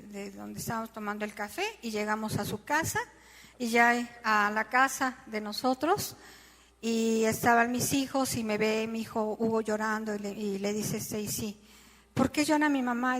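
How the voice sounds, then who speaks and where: Middle-aged woman, church testimony, higher voice, long hall reverb, emotional and animated. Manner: emotional, animated storytelling with quoted dialogue. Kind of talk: personal testimony.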